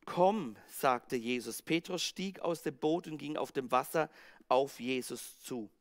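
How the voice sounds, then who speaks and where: A male pastor with a Swiss German accent preaching a sermon, acting out the scene with sudden swings from loud outbursts to hushed words. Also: mid-range voice, measured pace. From Switzerland. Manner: dramatic, acts out the disciples' panic and Jesus' words, swings from loud to hushed.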